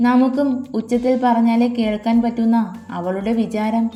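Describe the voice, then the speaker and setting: A woman voicing a stern old grandmother who rules the family, speaking firmly and a little lower than her narration, in an echoey room. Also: fairly even intonation, moderate pace, dark tone, natural voice. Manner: firm, commanding. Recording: echoey room, faint music.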